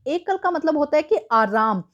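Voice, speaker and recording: A woman teacher walks students through a school worksheet, patient and explanatory, slipping English words into her talk. Her voice is high. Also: lively intonation, normal speed, a bit bright, muffled recording.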